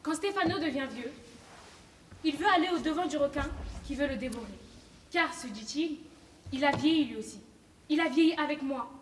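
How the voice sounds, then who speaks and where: A woman on a theatre stage playing a young woman who gently tells a story to her friends. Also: high voice, moderate pace, long pauses, natural voice. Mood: calm. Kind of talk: stage play acting. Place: theatre stage, large hall. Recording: echoey hall, faint noise.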